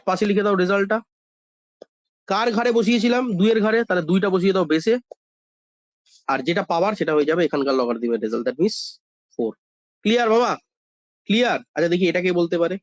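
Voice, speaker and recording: Maths teacher, high voice, coaxing lecture style, dry slightly dull sound. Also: male voice, no echo. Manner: coaxing, calls students "baba", asks questions and answers them himself. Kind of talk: online class lecture.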